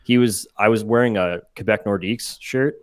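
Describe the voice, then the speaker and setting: Deep-voiced young man telling stories. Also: moderate pace, dry recording, clean studio sound. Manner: animated, acts out quotes in his stories. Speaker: podcast guest. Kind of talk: casual storytelling.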